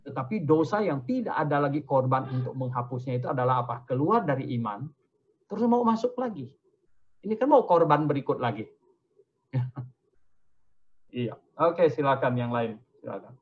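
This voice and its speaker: An older man, an invited pastor, explaining doctrine in a question-and-answer session, animated and chuckling, with swings of pitch. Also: moderate pace, husky, narrow, tinny audio. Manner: animated, chuckling, pitch rising and falling widely.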